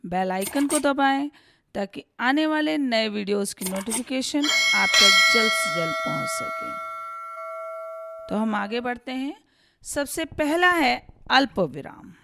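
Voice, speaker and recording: Slow, gravelly-voiced woman teaching grammar. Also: fairly high pitch, a bit bright, no room sound, clean studio sound. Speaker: Hindi teacher. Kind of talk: slow, deliberate grammar lesson.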